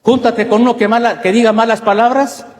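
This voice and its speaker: Male Mexican pastor, emphatic sermon delivery, higher voice, long church-hall reverb. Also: steady tone, a little fast. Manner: emphatic, asks many rhetorical questions.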